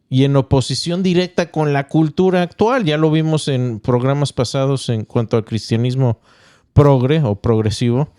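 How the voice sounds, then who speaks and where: A man speaking as a pastor and podcast host, explaining point by point and checking in with his listeners, measured with small restarts. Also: a little high, darkish tone, clear, resonant tone, dry recording, clean studio sound. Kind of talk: teaching podcast talk.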